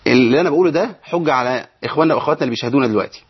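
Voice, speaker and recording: A man with an Egyptian accent teaching Quran reading in an online lesson. He explains step by step, poses questions and answers them himself, and recites verses slowly. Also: medium pitch, breathy edge. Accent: Egyptian Arabic. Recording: dull lo-fi sound.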